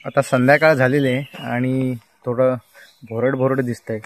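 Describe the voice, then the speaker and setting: Speaking at a normal speed in a level tone, a young man from Konkan, India vlogs from a village hilltop in the evening, holding his phone camera as he films. His pitch sits in the typical male middle range, and he casually describes the view for viewers while calling out to animals and kids.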